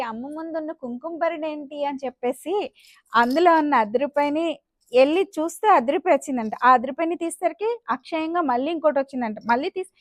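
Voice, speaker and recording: A woman storyteller with a high voice recounts a devotional legend, acting out each character as she goes. Her voice is recorded close and dry. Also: no room sound. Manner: expressive, acting out the characters' lines. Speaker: vlogger telling a devotional legend. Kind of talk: spoken storytelling.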